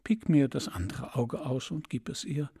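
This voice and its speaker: A man's voice: expressive, moderate pace, creaky, breathy edge, full character voice. A man reading a sorrowful prince statue. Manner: soft, low and tender. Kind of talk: audiobook fairy-tale reading.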